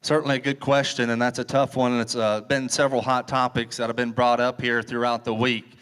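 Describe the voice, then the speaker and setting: A man giving a measured, somewhat hesitant answer to a formal interview question. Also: medium pitch, flat delivery, a bit bright, clean tone.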